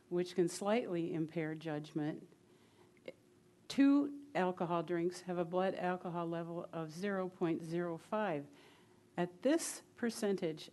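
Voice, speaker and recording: Low-ish voiced woman reading out her comment at a city council meeting, earnest. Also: mellow. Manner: earnest, reading a prepared statement. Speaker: public commenter. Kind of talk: prepared public comment.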